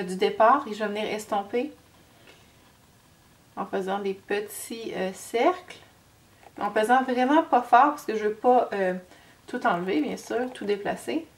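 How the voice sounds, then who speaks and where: Québécois woman vlogger, head cold, chatty and hesitant, fairly high voice, set back from the mic. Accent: Québécois French. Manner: chatty, hesitant, many fillers and slips. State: has a cold. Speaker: beauty vlogger. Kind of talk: makeup tutorial. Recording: distant mic with faint noise.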